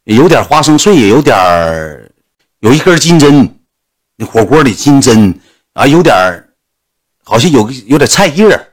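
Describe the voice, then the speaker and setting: A man's voice: mid-range voice, sing-song, moderate pace, long pauses. A man with a Northeastern Mandarin accent, a livestreamer telling a crude comic story full of sound effects.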